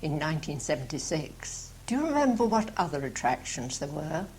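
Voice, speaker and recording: A woman's voice: deep voice, big pitch swings, moderate pace, darkish tone, rough recording. A woman presents, giving scripted introductions and interview questions. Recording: amateur 1985 tape, faint noise.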